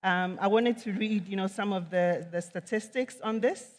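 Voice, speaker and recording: Woman economist from Ghana, measured conference speaker, mid pitch, long hall reverb on a stage mic. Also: darkish tone. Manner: measured, earnest, with frequent ums. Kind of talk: conference talk.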